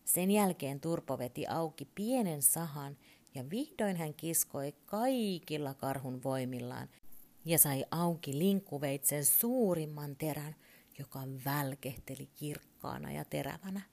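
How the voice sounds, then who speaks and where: A woman calmly and expressively reading a children's story aloud. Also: low voice, gravelly.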